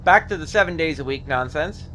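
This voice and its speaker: A man's voice: a little high, expressive, a little fast, pushed and bright, slight background noise. Jokey punning man voicing gameplay. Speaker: gaming video host. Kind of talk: casual let's play commentary.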